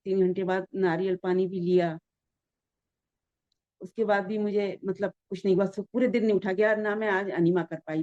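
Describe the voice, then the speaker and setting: A woman speaks over an online call whose audio keeps breaking up and cutting out. Her voice is mellow and sits at a middle pitch, heard through a dull, muffled line. She talks in halting, broken-off phrases. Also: dry recording. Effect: choppy, breaking-up online call audio. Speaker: caller asking a question. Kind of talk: casual call-in question.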